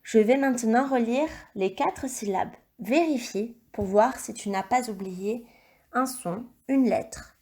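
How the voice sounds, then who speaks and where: A woman teacher recording a video lesson for young children, dictating words slowly and clearly and encouraging the child. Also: on the high side, a little mellow. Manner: slow, clear dictation with stretched syllables; encouraging, addresses the child directly. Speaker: primary school teacher.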